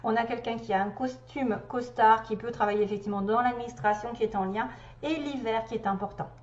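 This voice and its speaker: A woman's voice: on the high side, fairly quick, a little mellow. A woman doing a casual tarot card reading for viewers, thinking aloud and chatty as she turns each card. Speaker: tarot reader. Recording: echoey room, dull lo-fi sound.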